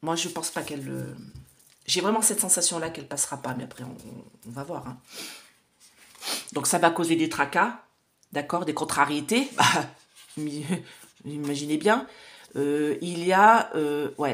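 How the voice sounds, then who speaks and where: A woman's voice: sits low, normal speed, pauses often. A woman in her forties doing a casual oracle card reading, chatty and hesitant, talking straight to her viewers. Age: 40s. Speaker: psychic card reader.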